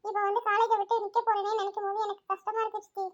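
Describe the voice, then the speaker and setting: A woman's voice: very high voice, level tone, very fast, lo-fi sound. A woman playing Sathya, a frank young student. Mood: pleading. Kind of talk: audio story voice acting.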